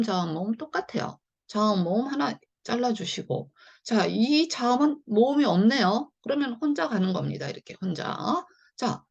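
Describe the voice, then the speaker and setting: A woman's voice: mid-range voice, vocal fry, darkish tone, highs cut off. A woman teaching English phonics in a chatty, step-by-step online lesson. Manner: chatty, repeats "자" and "네" often, explains step by step.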